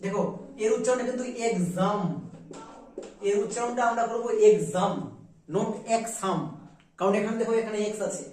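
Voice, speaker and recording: A man's voice: high-pitched, fast. A man teaching English pronunciation to a class, drilling his students with repeated questions. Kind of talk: classroom lesson. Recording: echoey room from far off.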